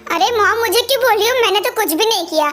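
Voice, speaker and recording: बहुत ऊँची आवाज़ में बोला गया एक ख़याल रखने वाला, रक्षक युवा प्रेमी, जिसे एक महिला डब करती है। वह मनाने और समझाने वाले नरम लहजे में बोलता है। पीछे हल्का संगीत है।. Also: female voice, very high voice, fast talker, fairly bright tone, faint music behind. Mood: pleading. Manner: soothing, pleading. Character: caring young man, protective boyfriend. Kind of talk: amateur fan dub.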